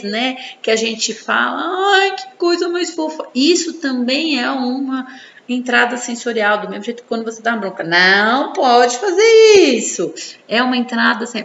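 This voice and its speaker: In a slightly high, fairly bright voice, the woman, a psychology presenter with a Brazilian Portuguese accent, talks informally about infant development and frequently uses tag questions to engage listeners. The sound is dull and echoey, with faint noise.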